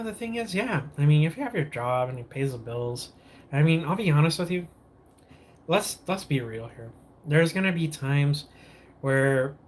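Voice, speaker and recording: Rambling man on a noisy morning stream. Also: fairly high pitch. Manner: rambling, loses his train of thought, restarts often; greets viewers by name. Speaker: livestream host. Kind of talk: casual morning livestream chat.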